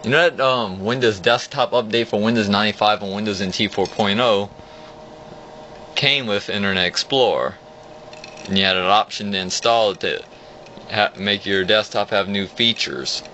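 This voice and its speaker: With a lowish voice and a bright, forceful tone, a young man talks at normal speed during a rambling, improvised look at an old computer. He explains each click while seated at his home desk. The phone filming the screen yields dull, lo-fi audio with an audible hum.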